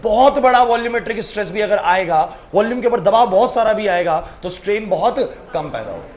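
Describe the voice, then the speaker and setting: High-voiced male teacher quizzing a class. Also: animated, brisk. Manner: coaxing, scolding, quizzes students by name. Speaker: physics teacher. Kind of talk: classroom physics lecture.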